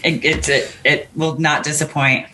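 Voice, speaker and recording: A woman's voice: deep voice, fairly even intonation, unhurried, sharp tone, a little hiss or hum. A woman co-hosting a casual podcast, chatting about an anime with wry, sarcastic jokes. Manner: wry, joking, sarcastic asides. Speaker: podcast co-host. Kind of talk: casual chat.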